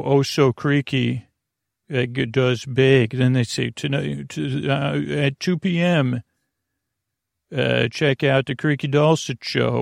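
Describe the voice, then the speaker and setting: A podcast host delivers a bedtime monologue in a creaky, gravelly male voice of middling pitch. His talk meanders and halts, wandering into tangents and leaving thoughts hanging. The recording is close and dry, with no room sound at all.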